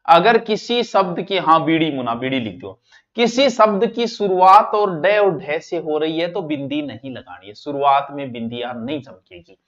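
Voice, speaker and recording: A male teacher with a Rajasthani accent works through spelling questions with a class. His voice sits a little high, and he switches playfully into local dialect to tease his students. The recording is dull and lo-fi. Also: animated, moderate pace, a bit bright. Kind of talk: exam-prep class on spelling.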